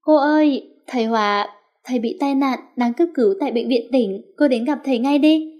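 A woman's voice: high voice, moderate pace, darkish tone, close to an everyday voice. A woman doing a sobbing, panicked student. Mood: sobbing, urgent. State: crying.

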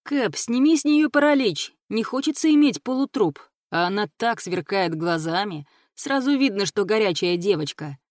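Brief: eager lewd pirate underling done by a woman, raised, higher, pushy voice. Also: expressive, normal speed, hardly any pauses, no room sound, studio quality, natural voice.

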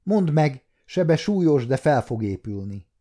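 An adult man voicing a calm, matter-of-fact royal physician. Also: fairly high pitch, pitched above the performer's own voice.

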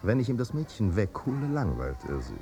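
An actor playing a vain, snobbish aristocratic party host in a 1950s radio drama, fussy and easily alarmed. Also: male voice, fairly low pitch, wildly swooping pitch, brisk, dark tone, highs cut off.

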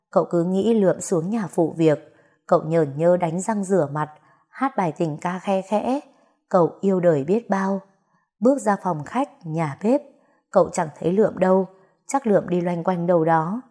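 A woman storyteller reading a melodramatic tale aloud. Her voice sits on the low side for a woman, and she leans into the emotion of each line in a dramatic way. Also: dark tone.

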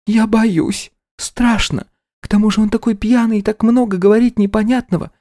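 A man's voice: steady tone, normal speed, dark tone, no room sound, clean studio sound, close to an everyday voice. A man doing a frightened pleading young woman. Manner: high trembling falsetto, begging.

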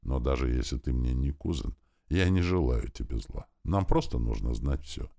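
A man voicing a young princess in an audiobook, speaking in a soft, gentle way. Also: a bass voice, lively intonation, moderate pace, creaky, pitched below the performer's own voice, exaggerated voice.

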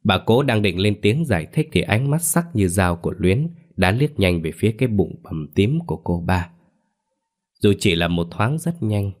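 A man narrating a scripted horror story in a measured, ominous way. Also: low-pitched.

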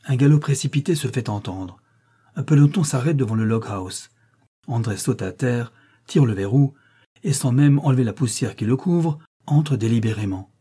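A man narrating an audiobook in a measured, expressive reading style. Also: mid-range voice, slightly rough. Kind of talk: scripted narration.

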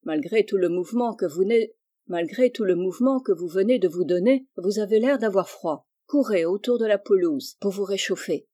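A reader voicing a kind but firm middle-aged male doctor who is an uncle, read in a measured, instructive way. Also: mid-range voice, dark tone, natural voice.

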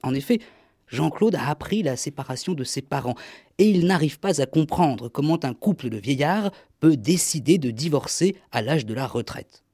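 A man's voice: on the high side, lively intonation, moderate pace, warm tone, dry recording, clean studio sound. A man hosting a radio show, delivering scripted comic narration in a wry, mock-solemn way. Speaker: radio host. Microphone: studio microphone.

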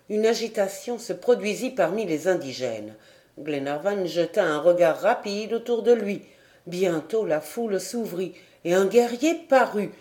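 Woman, audiobook narrator, unhurried, warm dark tone, measured. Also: mid-range voice. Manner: measured, even storytelling. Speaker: audiobook reader. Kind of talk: audiobook narration of a classic novel.

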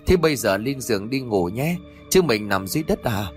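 A man's voice: mid-range voice, very animated, brisk, a little mellow, soft background music, close to an everyday voice. A man playing a coarse village duck farmer who talks bluntly and brusquely. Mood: gruff.

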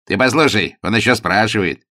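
A man voicing a brash, forceful aristocrat who talks loudly and theatrically in an audiobook. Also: fairly low pitch, a little fast, no echo, studio quality, pitched above the performer's own voice. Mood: accusing. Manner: loud commanding theatrical.

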